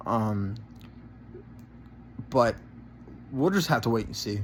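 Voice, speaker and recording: A man's voice: mid-range voice, expressive, takes it slowly, slight background noise. Rambling man giving casual reaction commentary. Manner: rambling, repeats words, ends phrases with "man", swears. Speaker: gaming channel commentator.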